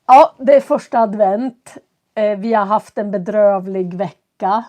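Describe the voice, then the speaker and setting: Her voice is mid-range, steady and somewhat dark as she greets live-stream viewers from home. Stuffy and coughing, she teaches slowly and clearly for learners, picked up by a computer setup.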